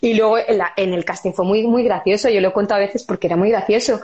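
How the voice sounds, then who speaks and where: A woman in her thirties talking casually in an interview about her stage work. She tells stories with lots of laughter and plays out the lines of the people in them, at an ordinary mid-range pitch. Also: fast talker, muffled recording. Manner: lively storyteller, laughs often, acts out dialogue. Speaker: stage actress.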